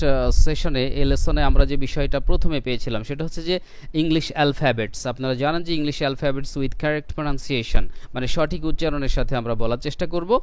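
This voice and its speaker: A male language teacher in an online lesson, slowly repeating words to model pronunciation and switching between explanation and English phrases. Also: a little high, clear, resonant tone.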